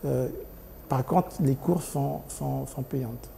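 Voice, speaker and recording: A man's voice: mid-range voice, slow pace, gravelly, dark tone, slight background noise. A man in his forties from Congo, a company director answering interview questions hesitantly, with many ums and restarts. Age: 40s.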